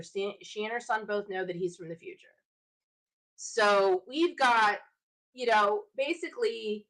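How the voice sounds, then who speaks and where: A woman with a slightly high, somewhat bright voice hosts her own show, chatting casually by herself as fan commentary. She thinks aloud and speculates in a chatty way, and the recording is rough.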